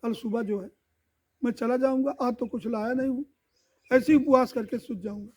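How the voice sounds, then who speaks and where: A man's voice: very high-pitched, normal speed, a little mellow. A man voicing a poor young Brahmin man in a folk tale, earnest and commanding.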